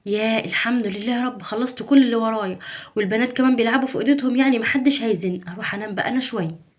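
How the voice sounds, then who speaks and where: A young woman with an Egyptian accent playing a worried, devoted mother in a home-made family sketch, speaking in a hushed, reassuring way. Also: fairly high pitch, rapid-fire, a little hiss or hum, close to an everyday voice. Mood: tired relief. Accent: Egyptian Arabic.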